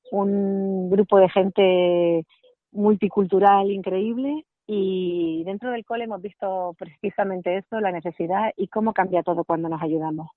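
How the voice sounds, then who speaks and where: A woman's voice: medium pitch, no echo. A woman from the Canary Islands with a Canarian Spanish accent, a parents' association president talking earnestly as a phone guest and repeating words as she searches for them. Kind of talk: casual interview over the phone. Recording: tinny dry phone line.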